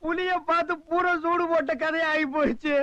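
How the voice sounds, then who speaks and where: Comic relief: a wisecracking beggar, very high voice, dry film sound. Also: male voice, level tone, normal speed, pushed and bright, no echo. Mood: bantering. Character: cheeky street-smart comic beggar man. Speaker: comic actor in a film scene.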